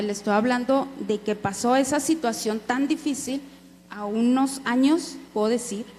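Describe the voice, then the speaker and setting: A woman's voice: a little high, warm tone. A woman preacher giving an earnest sermon testimony, speaking directly to her listeners as brothers. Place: church hall. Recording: echoey hall with faint hum.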